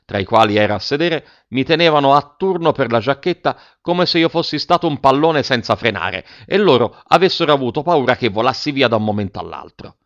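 A man reading a children's story aloud with steady first-person narration. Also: mid-range voice, a little fast, hardly any pauses, lo-fi sound. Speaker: audiobook reader.

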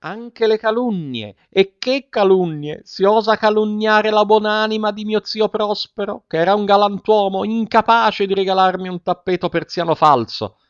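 A man's voice: high voice, moderate pace, hardly any pauses, clean tone, no room sound, highs cut off, pitched above the performer's own voice, natural voice. A man putting on an outraged, pompous middle-aged woman. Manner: theatrical, wounded outrage.

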